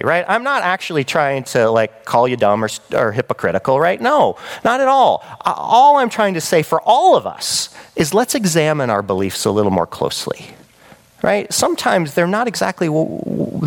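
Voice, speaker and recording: Man, sermon, conversational preaching, lively pitch, slightly high voice. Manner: conversational, animated, with frequent checks like "right?".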